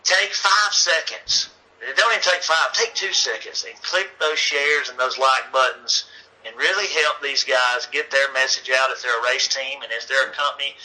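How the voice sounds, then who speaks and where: A man's voice: on the high side, moderate pace, sharp tone, poor audio. A man being interviewed as a racing league organizer, talking in an earnest, folksy way and rallying listeners. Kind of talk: casual interview chat.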